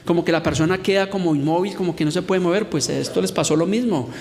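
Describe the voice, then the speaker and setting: A middle-aged man delivers a sermon with a fairly high voice, teaching earnestly and slowing down for scripture. His voice rings with long reverb in a church hall. Faint noise sits underneath. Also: darkish tone. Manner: earnest teaching tone, reads scripture and acts out quotes slowly. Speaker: preacher.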